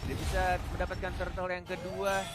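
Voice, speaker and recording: A man's voice: high-pitched, completely flat delivery, fairly quick, over loud music. A man with an Indonesian accent giving live commentary on a video game match. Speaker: esports commentator.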